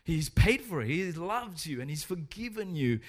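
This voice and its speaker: A man's voice: on the high side, very animated, moderate pace. A man preaching a sermon in an earnest, urging way, telling a story along the way.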